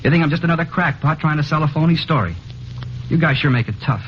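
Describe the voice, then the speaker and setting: A man playing a troubled young man confessing to a killing in a 1950s radio drama, flat and insistent, heard through a dull old broadcast recording. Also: fairly high pitch, fast talker, slight background noise, lightly acted. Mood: pleading.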